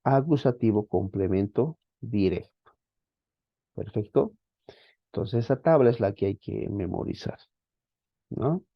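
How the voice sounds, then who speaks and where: A fairly low-voiced man gives an online grammar lesson. He is patient, repeats points and keeps checking in with his students. The sound is dry and a little dull, as from a plain lo-fi mic. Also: animated, a little slow, vocal fry, long pauses, breathy edge, no room sound. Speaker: Greek teacher. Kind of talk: online class lecture.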